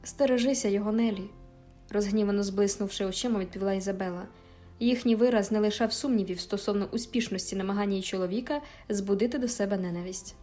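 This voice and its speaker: A woman narrating an audiobook in a measured, expressive first-person storytelling manner. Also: medium pitch, faint music behind. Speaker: audiobook reader.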